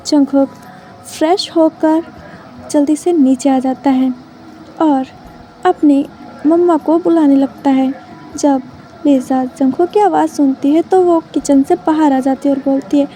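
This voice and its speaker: A woman narrates a story in a plain, steady way. Her voice is high with a soft, dark tone. It is a storybook read-aloud. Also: a little hiss or hum.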